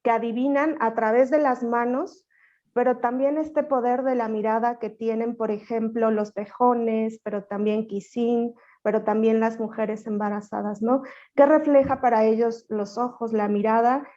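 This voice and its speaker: Polite woman asking a question, mellow voice. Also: a little high, steady tone, moderate pace, muffled recording. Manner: polite, courteous. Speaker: audience member asking a question. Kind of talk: seminar question.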